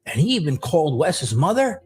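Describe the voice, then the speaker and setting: A man runs a live stream, telling his story with crude words and wide swings in pitch. His voice sits slightly high and bounces all over. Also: fairly quick, husky. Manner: animated, profane storytelling. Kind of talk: commentary on a played clip.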